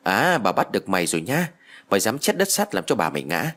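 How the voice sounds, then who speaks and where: A man's voice: huge pitch swings, a bit bright, exaggerated voice. A man voicing a foul-mouthed old village woman who scolds and curses. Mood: furious. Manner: shrill, scolding, cursing rapidly.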